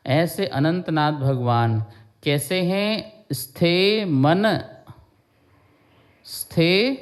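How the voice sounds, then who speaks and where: A man teaching a devotional lesson, slowly explaining a hymn verse by verse, chanting lines and drilling their pronunciation. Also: fairly high pitch. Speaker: Jain monk teaching scripture.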